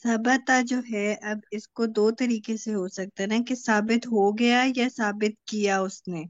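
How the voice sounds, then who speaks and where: A woman's voice: medium pitch, steady tone, no echo, dull audio. A woman student politely asking her teacher a question during class. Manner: polite, addresses teacher as sir.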